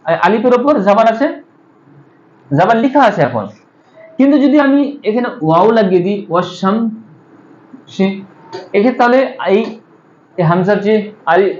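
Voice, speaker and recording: A high-pitched man teaches a grammar class. He explains each step, poses questions to the students and answers them himself, pausing on fillers as he thinks. The sound is roomy and somewhat dull, as if recorded lo-fi in a classroom. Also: animated. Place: madrasa classroom. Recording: echoey room, dull lo-fi sound.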